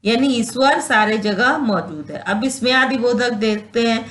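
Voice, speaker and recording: A woman teaching grammar at an unhurried, deliberate pace. Her voice sits fairly high, and she explains each point patiently before acting out short example phrases. She pauses to check that her listeners understand. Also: animated, a bit bright. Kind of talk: classroom grammar lesson.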